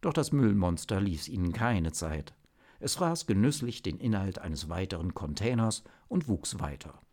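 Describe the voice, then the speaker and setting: A man reading a story aloud as narrator, in an expressive, lively manner. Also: low-pitched, moderate pace.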